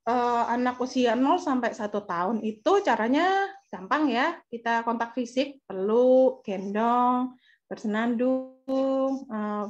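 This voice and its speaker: A woman's voice: on the high side, highs cut off. A woman with an Indonesian accent presenting a parenting webinar over slides, hesitant with many fillers and self-corrections. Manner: acts out soft calming lines to a child.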